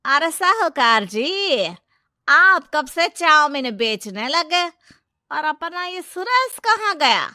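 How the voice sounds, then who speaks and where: A woman voicing village folk and a flattering moneylender's wife in a moral story cartoon, exclaiming in a folksy way. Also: sits high, takes it slowly, no echo, studio quality, full character voice. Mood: questioning.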